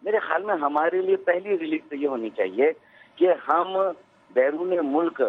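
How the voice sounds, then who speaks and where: A man's voice: a little high, husky. A male politician on a phone line, arguing his point insistently and talking over the host.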